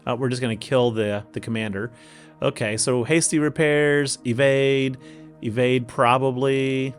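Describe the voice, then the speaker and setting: A man's voice: medium pitch, fairly even intonation, measured pace. Man, Oklahoma Okie accent, casual gaming host, folksy self-talk, music behind the voice. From Oklahoma, United States. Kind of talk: casual game strategy commentary.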